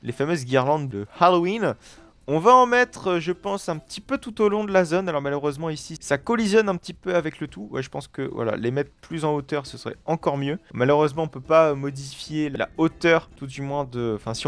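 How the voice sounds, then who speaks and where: A man's voice: fairly high pitch, quick pace, fairly bright tone. A man giving casual let's play commentary as he builds in a game, narrating every step and dropping playful little sound effects. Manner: chatty, self-narrating, fills with "voilà" and playful "hop hop" and "bam" sounds. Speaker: gaming video creator.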